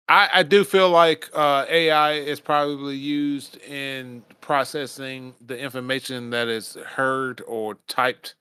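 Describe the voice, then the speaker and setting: A man's voice: mid-range voice, fairly even intonation, slow pace, pushed and bright, smooth, dry recording. A man co-hosting a casual podcast, rambling and restarting his sentences, swearing now and then. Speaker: podcast co-host.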